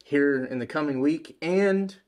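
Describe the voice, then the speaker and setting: A man in his thirties hosting a fishing interview, relaxed and a bit hesitant, setting up questions in a small room. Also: fairly high pitch, measured pace. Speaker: interview host. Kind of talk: casual interview. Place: small indoor room at a table.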